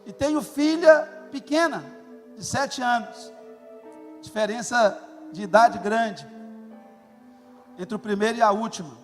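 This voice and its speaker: High-voiced middle-aged pastor guy, preaching hard with big stresses, long church hall echo. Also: a little slow, long pauses. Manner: emphatic, animated preaching with sudden loud stresses. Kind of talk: sermon. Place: church auditorium. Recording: long hall reverb, faint music.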